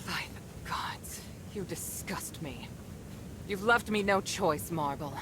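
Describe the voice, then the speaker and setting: A woman's voice: medium pitch, expressive, a little slow, background noise, lightly acted. A woman voicing an earnest, defiant noble mistress in a dramatic video game, speaking formally and urgently. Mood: indignant.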